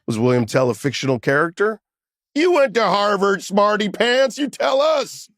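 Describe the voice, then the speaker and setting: A man guesting on a podcast, chatting casually in an animated, teasing way with frequent laughter. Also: sits high, moderate pace, no room sound, studio quality. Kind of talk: casual chat. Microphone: studio mic.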